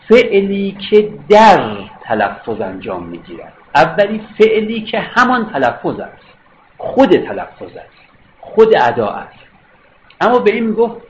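A man giving a philosophy lecture, explaining step by step, rephrasing points and checking that listeners follow. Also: high voice. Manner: explanatory, repeats and rephrases, checks understanding with questions. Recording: dull lo-fi recording with faint noise.

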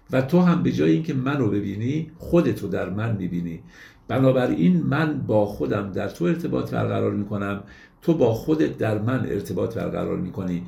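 A man giving a lecture on classical poetry, reciting verses slowly and then explaining them in plain everyday speech. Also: medium pitch, gravelly, mellow, reverberant.

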